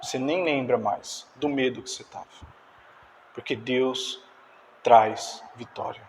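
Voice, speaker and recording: A man preaching a sermon in an animated way, acting out dialogue and directing the slides. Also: medium pitch, a little slow, slight background noise. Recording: distant reverberant church hall.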